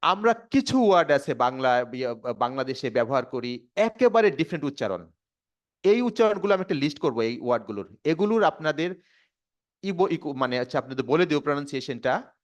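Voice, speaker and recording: A man with a Bangladeshi accent teaching English pronunciation to a class, repeating words slowly and quizzing the students. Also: fairly high pitch, big pitch swings. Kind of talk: classroom lesson. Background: students responding.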